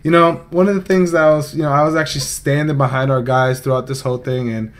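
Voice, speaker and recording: A man's voice: mid-range voice, fairly even intonation, fast. A young man hosting his own vlog, recapping a gaming tournament in a chatty, rambling, joking way. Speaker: esports player and vlog host.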